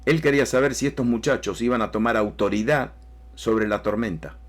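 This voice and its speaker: A man's voice: medium pitch, brisk. A man preaching a sermon emphatically, with rising bursts and repeated phrases. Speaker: pastor.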